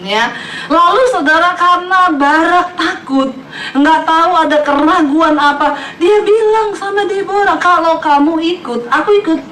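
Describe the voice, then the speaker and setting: An extremely high, slightly bright voice at a moderate pace belongs to a woman pastor giving a comic sermon in a church hall. She voices her story characters playfully and laughs a lot; the recording is distant and echoey, with congregation noise.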